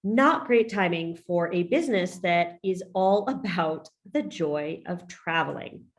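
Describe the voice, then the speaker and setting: Upbeat woman podcast host, slightly low voice. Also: unhurried. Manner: upbeat, emphatic, says "y'all". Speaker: podcast host and business coach. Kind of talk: podcast interview.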